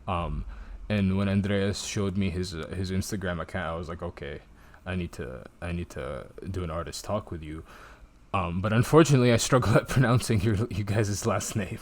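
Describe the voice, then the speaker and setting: Friendly halting man hosting a chat. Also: low voice. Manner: halting, full of fillers and restarts. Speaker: host of artist talks. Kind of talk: casual interview chat.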